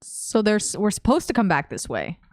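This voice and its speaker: A woman's voice: mid-range voice, big pitch swings, normal speed, no echo, clean studio sound. A woman chatting casually and in character as a player in a tabletop game.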